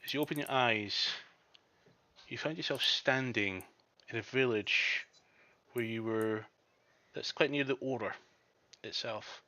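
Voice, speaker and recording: A man's voice: mid-range voice, unhurried, long pauses. A man narrating a tabletop role-playing game as dungeon master. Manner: descriptive, with shouted quotes of villains. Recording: dull lo-fi mic with faint noise.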